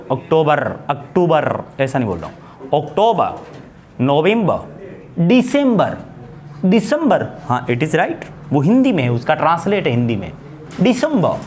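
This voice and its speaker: Slow, lively teacher. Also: male voice, a little high. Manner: slow, repeats words for practice, mixes Hindi and English. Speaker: English teacher. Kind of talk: spoken English lesson.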